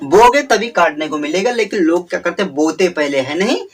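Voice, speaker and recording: A man's voice: high voice, lively intonation, distant mic. A man with a slightly raised voice talks through memory tricks for exam students. He leans on repetition and stretches words out for emphasis. His voice sits a little back from the microphone. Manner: repetitive, drawn-out emphasis, frequent "theek hai". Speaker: teacher.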